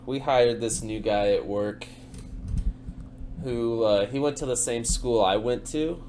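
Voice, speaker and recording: A man's voice: mid-range voice, a little slow, a little mellow, a little hiss or hum. A young man chats casually on a podcast. He swears freely and laughs through his own stories, in an ordinary mid-range voice. The talk stays loose and unscripted. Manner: profane, laughing storyteller. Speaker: podcast co-host. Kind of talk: casual chat.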